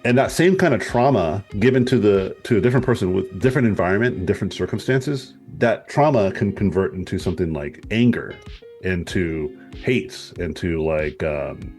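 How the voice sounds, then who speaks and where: Man, lowish voice, rambling and reflective, casual swearing, faint music underneath. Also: animated, normal speed, darkish tone. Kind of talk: casual group discussion.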